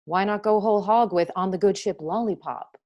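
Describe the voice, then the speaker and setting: A woman's voice: mid-range voice, brisk, lo-fi sound, close to an everyday voice. An actress playing a pious, disapproving mother with a sardonic, clipped manner in a period drama reading. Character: tart, pious, disapproving mother of grown daughter.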